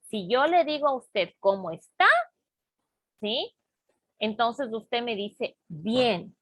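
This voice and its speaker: A woman teaching an English class, explaining grammar slowly and patiently and checking often that students follow. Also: fairly high pitch, no room sound. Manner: slow, patient explaining with frequent check-ins. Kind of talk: online class lesson.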